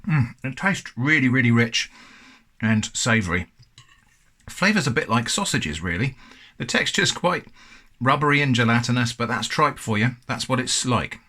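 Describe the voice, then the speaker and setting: A man's voice: mid-range voice, expressive, moderate pace, bright, forceful tone. An English man hosting a casual food review, chatty and thoughtful with a self-deprecating touch.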